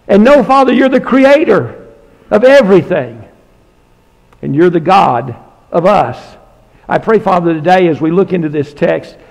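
A man with a high, gravelly voice preaches from the pulpit. His delivery is emphatic and folksy, and he leans on repeated phrases. The sound carries a long church-hall reverb. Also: a little mellow. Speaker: pastor. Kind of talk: sermon with prayer. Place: church sanctuary.

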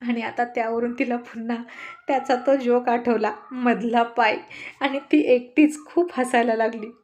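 A woman narrating a scripted family love story in an amused, lively way. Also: fairly high pitch, unhurried.

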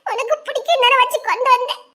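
Brief: woman playing a chattering, teasing young village girl in love, piping high and bright. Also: fast. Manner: giggly, chattering. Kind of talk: village romance drama acting.

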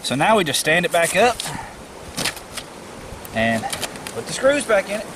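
A man in his thirties, an amateur radio hobbyist and vlogger, gives a casual, practical how-to explanation in a folksy way. His voice sits high and sing-song at a measured pace. He's outdoors in a rural yard, captured on a camera mic with loud ambient noise around him.

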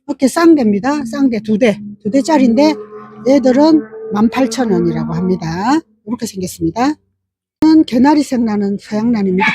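A woman's voice: fairly high pitch, warm tone, slightly rough, dry recording. A middle-aged woman, chatting casually as she shows off plants in a flower nursery vlog, repeating herself as she points things out. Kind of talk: casual show-and-tell vlog.

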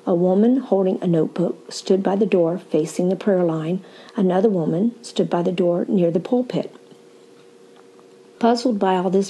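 An older woman evangelist teaching in a slow, deliberate podcast sermon, with occasional fillers. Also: on the low side, warm tone, slightly rough, poor audio.

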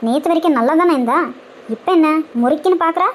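A fierce old grandmother in a cartoon, as a woman voices her, scolding everyone in a high, sharp-tempered voice. She sounds indignant and commanding. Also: fast talker, close to an everyday voice.

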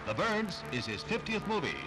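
A man narrating an old newsreel in a brisk, punchy announcer delivery with wry quips. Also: high-pitched, very animated. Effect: old 1960s newsreel recording. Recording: narration over clear newsreel music.

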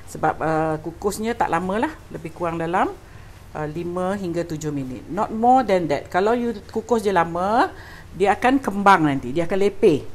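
A middle-aged woman with a Malaysian accent, hosting a casual cooking demonstration, chatty and quick to laugh, slipping English into her speech. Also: lowish voice, animated. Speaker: chef and cooking show host.

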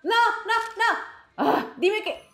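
A woman's voice: very high-pitched, lively intonation, takes it slowly, fairly bright tone. A young woman gamer giving let's play commentary, shrieking and laughing as she reacts to the game. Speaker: gaming YouTuber. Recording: echoey room, faint game music. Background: game music.

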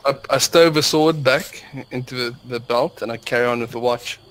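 A man's voice: mid-range voice, moderate pace, a little hiss or hum, rough recording. A man playing in a tabletop game, describing his character's actions and laughing often. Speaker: player. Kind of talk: tabletop role-play as a player.

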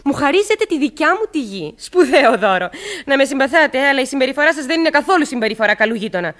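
A woman's voice: sits high, sing-song. An actress playing a proud, stubborn young woman, a landowner's daughter who argues insistently and sharply in an old radio play. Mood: furious. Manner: insistent, sharp-tongued, indignant. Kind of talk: 1960s Greek radio theatre acting.

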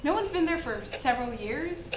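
Girl playing a high school girl in a student horror flick, kinda high voice, far from the mic in an echoey noisy room. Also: expressive, normal speed. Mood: matter-of-fact. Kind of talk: student horror film acting. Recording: echoey room, distant mic, background noise.

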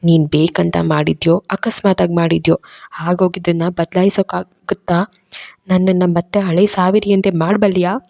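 A woman's voice: steady tone, measured pace, a little mellow, no room sound, muffled recording. A woman voicing a hurt and angry young heroine in a dramatized romance story reading, accusing and pained. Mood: anguished. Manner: accusing, pained, raised pitch. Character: young woman, wounded and furious.

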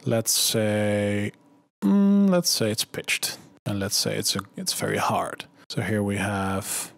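A man narrating a software tutorial voice-over, calmly walking through each click and setting step by step. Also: lowish voice, slow pace, gravelly, background noise. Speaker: tutorial host.

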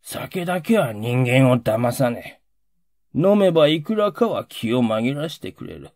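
A man voicing a rough, emotional working-class Edo man who pleads in coarse old Edo street speech. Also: medium pitch, very animated, unhurried, darkish tone, dry recording, clean studio sound, voice pushed up. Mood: wistful.

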